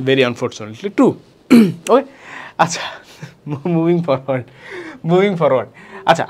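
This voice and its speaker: A young male tutor with a Bangladeshi Bengali accent runs through exam tips in a video lesson. He talks fast with a lively, swooping delivery and a fairly high voice. He sprinkles in English words and keeps asking his students whether they follow. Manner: mixes English words, asks students rhetorical checks. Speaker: admission test tutor.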